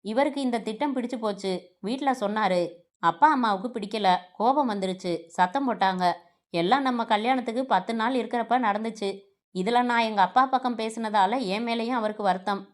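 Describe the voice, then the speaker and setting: A woman's voice: on the high side, fairly quick. A woman narrating a family novel aloud, reading every character's lines in her own voice with small shifts.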